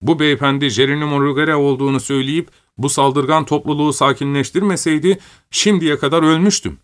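A man's voice: medium pitch, expressive, moderate pace, lightly acted. A man voicing a bold young nobleman who speaks firmly and gives commands. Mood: commanding. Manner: firm, commanding delivery.

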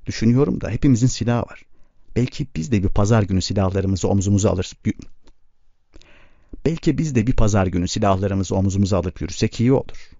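Man reading brooding bearded old man, low wry tone, lo-fi. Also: quick pace, dark tone, no room sound. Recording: dull lo-fi recording.

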